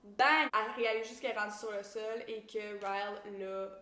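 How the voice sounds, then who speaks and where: Speaking fairly quickly in a mid-range voice, this Québécois-accented book YouTuber recaps a book in a relaxed, lively way. She performs the characters and slips English slang into her French, all in an echoey room.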